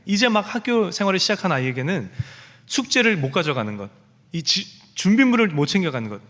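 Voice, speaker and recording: A man preaching from the pulpit with a fairly high voice that rises and falls a lot. He tells stories and acts out the people in them. His words ring out with a long reverb in a church sanctuary. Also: a bit bright. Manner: storytelling, acting out quoted speech. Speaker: pastor. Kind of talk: sermon.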